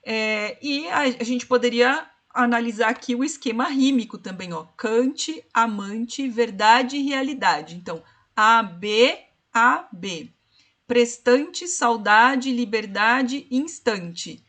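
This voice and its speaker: A woman giving an online literature lesson. She explains step by step, checks in with "né?" and slows down to count syllables and spell out rhyme schemes. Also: a little high, a bit bright. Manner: explanatory, repeats "né?" and "ó". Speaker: literature teacher. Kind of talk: online tutoring session.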